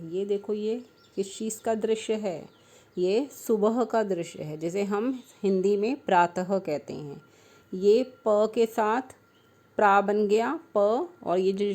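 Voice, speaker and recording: Teaching small children online, a Hindi primary school teacher with a warm, mid-range voice breaks letters down syllable by syllable. She is patient and affectionate, addressing the children as "beta."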